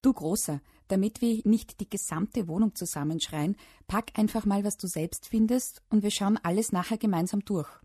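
A woman voicing a patient, practical mother who speaks calmly and firmly. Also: medium pitch, normal speed, husky, dry recording, natural voice. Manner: calm, organizing, gently firm.

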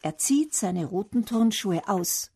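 Storyteller: woman reading a kids' story, slow, mellow and breathy. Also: medium pitch, animated.

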